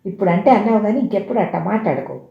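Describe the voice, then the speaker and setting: A storyteller voicing a sharp-tongued, defiant thirteen-year-old girl who drawls and mocks, in a roomy, dull recording. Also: medium pitch, steady tone, moderate pace, close to an everyday voice. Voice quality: drawling, mocking.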